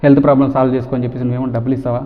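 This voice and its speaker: Man, rapid forceful rant, tinny phone-like audio, long echoey reverb. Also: medium pitch, little pitch movement. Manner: fast, forceful, repeats himself with rhetorical questions. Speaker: vlogger. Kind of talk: talking to camera, ranting.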